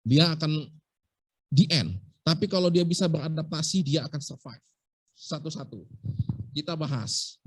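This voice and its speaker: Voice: medium pitch, moderate pace, pauses often, husky, dry recording. A medical school lecturer giving a casual, playful lesson and often asking the class rhetorical questions.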